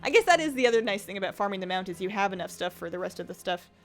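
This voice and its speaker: Rapid-fire and animated, a woman streamer chatters away as she plays, reading viewer comments aloud and rambling casually. Her medium-pitched voice is a bit strained from talking, and faint music plays behind her.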